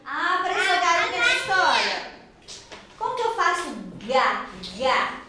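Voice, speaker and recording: Woman preschool teacher, animated phonics quizzing, bright tone, roomy far-off classroom sound. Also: extremely high pitch, unhurried. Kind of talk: storytelling and phonics drill with children. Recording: echoey classroom, far from mic, faint noise.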